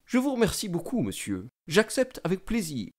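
A man voicing a humble, hesitant old country priest who speaks quietly and haltingly. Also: high voice, huge pitch swings, pitched above the performer's own voice, exaggerated voice.

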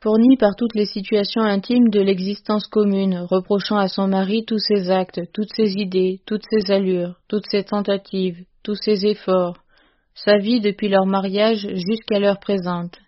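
A woman reading a classic short story aloud as narrator, in a measured, even storytelling manner. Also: mid-range voice, highs cut off. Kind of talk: scripted audiobook narration.

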